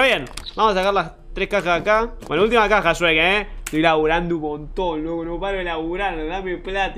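A man's voice: sits high, pushed and bright. A young man with an Argentine accent, joking and swearing often as he gives live commentary on a horror game. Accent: Argentine Spanish. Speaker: streamer.

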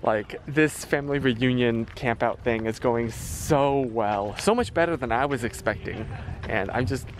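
A man's voice: mid-range voice, unhurried. A man talking casually to the camera in an upbeat, chatty way while walking a coastal trail, laughing often. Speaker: vlogger. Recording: clear outdoor background noise.

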